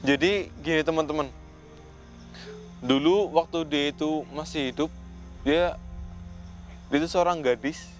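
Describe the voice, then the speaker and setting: Earnest male ghost-hunt host, a bit high-pitched, faint music underneath. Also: unhurried, pauses often. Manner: earnest, speaks to spirits and viewers, keeps saying "Mas". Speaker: ghost-hunting vlogger. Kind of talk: paranormal investigation vlog.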